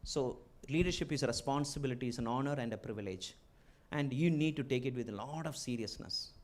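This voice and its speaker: A man's voice: mid-range voice, fast. A middle-aged man from India with a strong Malayali accent, giving a motivational address to students as a guest speaker, in short emphatic phrases with repeated key words. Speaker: guest speaker, entrepreneur and former chief executive.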